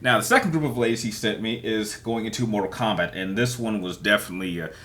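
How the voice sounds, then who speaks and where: A man with a fairly low but bright, forceful voice hosts a casual solo round of kiss-marry-kill. He thinks aloud in a rambling, hesitant way, circling back and repeating words as he explains his choices. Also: fast talker. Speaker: host.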